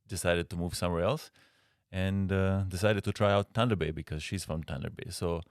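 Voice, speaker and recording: A guest designer from Slovenia, speaking with a Slovenian accent, answers interview questions haltingly with frequent pauses. His low voice is clear and resonant with fairly even intonation. The recording is dry and studio quality.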